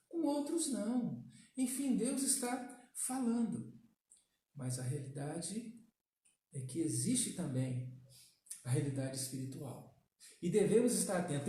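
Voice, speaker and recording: A man preaches a sermon in a warm, mellow tone, pressing his points with rhetorical questions. His voice rings through a big, reverberant church. It is picked up from well back in the room. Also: high-pitched. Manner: emphatic preaching with rhetorical questions and frequent tag questions. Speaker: pastor. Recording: echoey church from far off.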